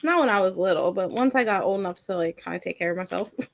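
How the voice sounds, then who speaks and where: A woman's voice: medium pitch, fast, gravelly. A woman co-hosting a casual mom podcast, rambling and filling her talk with "like". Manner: rambling, heavy use of "like". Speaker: podcast co-host. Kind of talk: casual chat.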